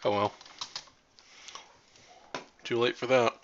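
A man's voice: medium pitch, fairly even intonation, slow, a little hiss or hum. A man casually commentating his own card-game stream, wry and half talking to himself. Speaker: tournament player streaming his games. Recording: dull lo-fi voice chat.

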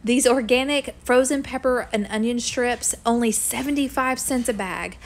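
A homestead vlogger, a woman with a slightly high voice, chats casually about her grocery haul and weekly meal plan in her home kitchen, friendly and full of quick asides. The camera sits a few feet away, with slight background noise.

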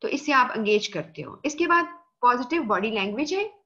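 A woman lecturer explaining a lesson in a lively, teacherly way, often asking rhetorical questions. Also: on the high side, normal speed, muffled recording. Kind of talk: recorded classroom lecture.

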